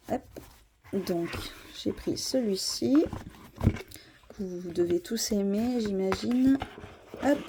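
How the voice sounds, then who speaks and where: A woman's voice: mid-range voice, dark tone, slight background noise. A woman chatting casually about her tarot cards, hesitant, with many fillers and restarts. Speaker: tarot vlogger. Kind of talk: casual show-and-tell.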